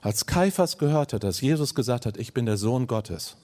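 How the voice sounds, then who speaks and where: A man preaching a sermon, dropping to low hushed phrases and rising to emphatic ones, speaking to listeners directly as friends. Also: animated, moderate pace.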